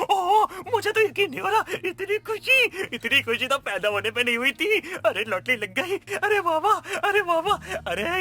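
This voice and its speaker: A voice actor playing an excitable, goofy young man who sells dhokla in an animated story, talking in comic, over-the-top bursts. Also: sits high, exaggerated voice. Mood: overjoyed.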